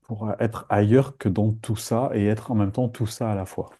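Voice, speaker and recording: Dark husky-voiced man teaching meditation. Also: fairly low pitch, moderate pace. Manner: lively, playful, acts out inner voices. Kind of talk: live group meditation talk.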